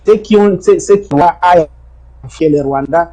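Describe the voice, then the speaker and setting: A man's voice: sits high, unhurried, dark tone. A middle-aged man from Congo, giving emphatic testimony in an interview and often repeating his words. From Congo (DRC). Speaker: interview guest, former detainee.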